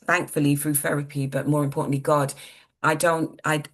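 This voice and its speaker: A woman in her sixties, telling her story earnestly as an interview guest, halting and repeating words. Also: deep voice, level tone. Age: 60s. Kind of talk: personal testimony in an interview.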